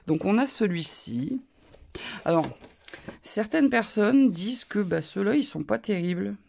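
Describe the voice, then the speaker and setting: Woman, northern French accent, mid-range voice with some fry, loose casual haul-video chatter full of asides. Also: mid-range voice, expressive, unhurried, darkish tone. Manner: chatty and rambling, with frequent asides. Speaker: crafting YouTuber.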